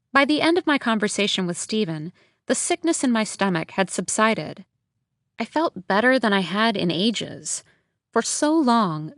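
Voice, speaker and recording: A woman narrates an audiobook in the first person, intimate and reflective. Her voice sits at an ordinary pitch. It is a dry studio recording with no room echo.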